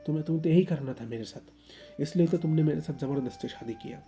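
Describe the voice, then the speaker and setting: A man's voice: fairly high pitch, lively intonation, fast talker, dark tone, soft background music, lightly acted. A man voicing a tearful young man who stammers as he begs to go home. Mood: pleading. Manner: sobbing, stammering.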